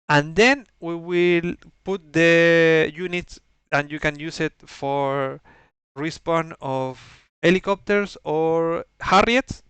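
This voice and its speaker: A man with a non-native English accent giving an explanatory game briefing in a halting, methodical way, searching for words. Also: fairly high pitch, fairly bright tone, clean tone, no echo. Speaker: organizer briefing players on campaign rules.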